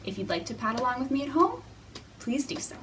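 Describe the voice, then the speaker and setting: A high-voiced woman with big pitch swings and a fairly bright tone speaks fairly quickly as she hosts children's storytime in a library room. Her instruction and picture-book reading use simple, repetitive, encouraging phrases, captured by a distant mic in a noisy room.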